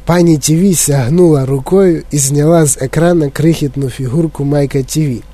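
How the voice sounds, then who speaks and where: A man's voice: on the high side, normal speed. A man narrating a children's book expressively. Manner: expressive storytelling. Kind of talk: audiobook narration of a children's novel.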